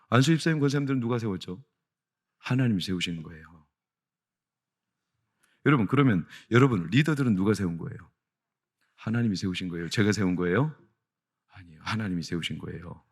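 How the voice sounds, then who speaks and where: A middle-aged man preaching a sermon as senior pastor in a church, asking the congregation questions and answering them himself, with loud, high peaks of emphasis. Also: husky. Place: church sanctuary.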